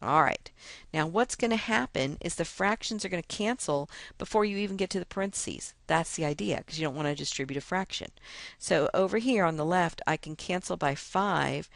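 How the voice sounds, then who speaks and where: A woman's voice: low-pitched, no room sound. A woman math teacher talking through a lesson step by step in a chatty, self-mocking way. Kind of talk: casual screen-recorded lesson walkthrough.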